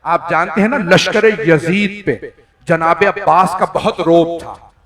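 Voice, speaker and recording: Impassioned high-voiced preacher. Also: male voice, a bit bright, recorded from a distance. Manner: slow, impassioned, swelling into wailing cries. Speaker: Shia cleric preaching a mourning sermon. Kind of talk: dramatic religious storytelling sermon. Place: large indoor prayer hall.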